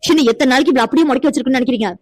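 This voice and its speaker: A woman's voice: high voice, racing, dry recording. A woman voicing a defiant young woman in a cartoon, indignant and lecturing as she defends her friend. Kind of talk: cartoon voice acting.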